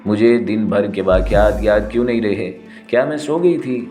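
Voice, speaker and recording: A man reading a frightened young girl's lines in an audio story, in a soft, pleading voice, with soft music underneath. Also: lowish voice, close to an everyday voice. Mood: puzzled. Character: young girl, innocent and frightened.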